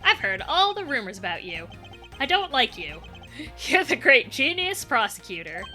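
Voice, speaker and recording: A woman acts out a flamboyant male prosecutor from a video game, grand and theatrical. The voice sits high and bright, swooping through big dramatic swings as he carries on. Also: very animated, moderate pace, faint music behind, full character voice. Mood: showy. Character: suave hot-headed male prosecutor, theatrical.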